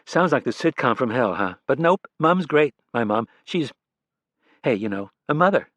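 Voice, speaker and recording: A man's voice: mid-range voice, lively intonation, moderate pace, fairly bright tone, no room sound. A man reading an audiobook, voicing a chatty, upbeat young female magician who brushes off worries. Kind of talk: audiobook character voice.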